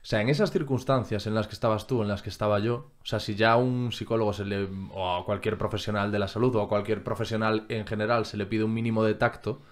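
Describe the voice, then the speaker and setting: A man with a Spain Spanish accent, hosting a podcast, asking calm questions and relating his own experience. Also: lowish voice, quick pace, hardly any pauses. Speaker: podcast host. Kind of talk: casual interview conversation.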